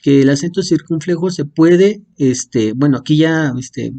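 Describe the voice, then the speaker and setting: A man's voice: fairly high pitch, measured pace, mellow. A man explaining Greek marks as a teacher, hesitant, with many fillers and restarts, using homely comparisons. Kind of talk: explaining Greek accents to a class.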